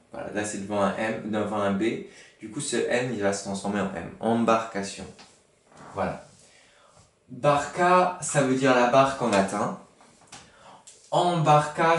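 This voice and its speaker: A man teaching a spelling lesson to schoolchildren, patient and explaining word origins with many fillers. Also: mid-range voice. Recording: roomy, from far off the mic.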